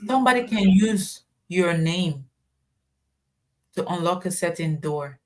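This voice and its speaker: A Ghanaian woman appears as a podcast guest, reflectively telling personal anecdotes in a conversational storytelling style. Her voice sits on the low side, and she sounds animated while keeping a measured pace.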